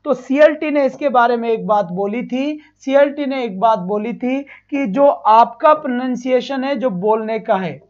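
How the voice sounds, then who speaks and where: In an online class preparing students for exams, a male teacher quizzes himself, answers, repeats each point and lavishes praise on the students as his children. His voice is very high with a darkish tone, a little slow with few pauses, and the recording is muffled.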